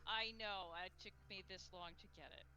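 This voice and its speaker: A player in a casual chat, quick and excitable when a joke clicks. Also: medium pitch.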